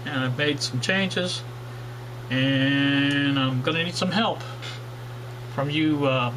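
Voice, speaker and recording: In a slow, medium-pitched voice, a man hosts a casual radio hobbyist channel's workshop vlog about old radios. Background noise is present, and he meanders, restarting often and leaning on fillers.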